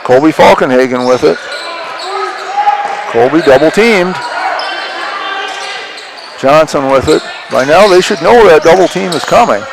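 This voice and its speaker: A man's voice: a little high, animated, unhurried, creaky, pauses often. A man announcing basketball live in terse, clipped phrases, in a sports play-by-play style. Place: indoor gym during a game. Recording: noisy live gym broadcast. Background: bouncing basketball, gym ambience.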